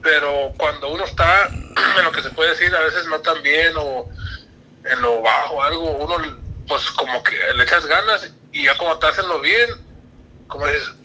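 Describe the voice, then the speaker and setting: A man's voice: on the high side, moderate pace, sharp tone, poor audio. A man, a guest on a casual podcast, musing reflectively about life with frequent restarts. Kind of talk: casual chat.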